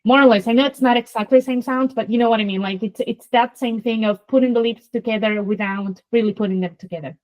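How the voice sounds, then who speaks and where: A woman's voice: fairly high pitch, fairly even intonation, fast talker, few pauses, darkish tone, poor audio. A woman with a Spanish accent, a native Spanish speaker hosting an interview, explaining sounds in a lecturing way and demonstrating them aloud. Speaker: host, Spanish teacher.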